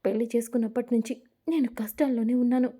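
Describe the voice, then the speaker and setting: A woman's voice: a little high, steady tone, fast talker, warm tone, close to an everyday voice. A woman voicing a young wife who pleads and scolds in a spoken story. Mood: pleading. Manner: firm, pleading. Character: young wife, upright and wounded.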